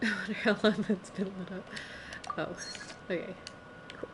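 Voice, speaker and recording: Over loud game music, a woman streams and chats casually, thinking out loud in a meandering way with little laughs worked into her words. She keeps a steady tone in a mid-range voice at a moderate pace.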